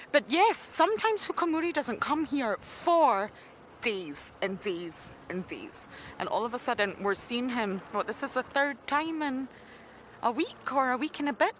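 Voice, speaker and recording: A woman's voice: medium pitch, a bit bright. A woman giving live wildlife commentary as a safari guide, speaking from a vehicle outdoors. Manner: talks to animals and viewers. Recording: outdoor background noise. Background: outdoor ambience.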